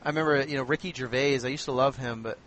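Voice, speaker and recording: A man's voice: medium pitch, steady tone, racing, a bit bright, slight background noise, poor audio. A man in casual conversation, talkative, often laughing and acting out quotes. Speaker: conversation guest. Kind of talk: casual chat.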